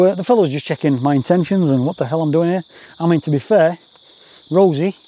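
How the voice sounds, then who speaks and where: Mellow man rambling outdoors. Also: on the high side. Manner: chatty, self-deprecating, repeats phrases. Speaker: landscape photographer, vlogger. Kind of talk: casual rambling vlog commentary. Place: outdoors on a grassy rural roadside. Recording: faint outdoor noise with insects.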